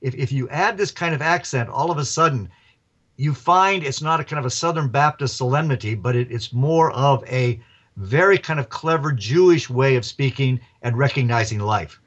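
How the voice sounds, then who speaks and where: A man, an author and professor, telling stories as a radio interview guest in a lively, chuckling way. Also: mid-range voice, moderate pace, dull audio.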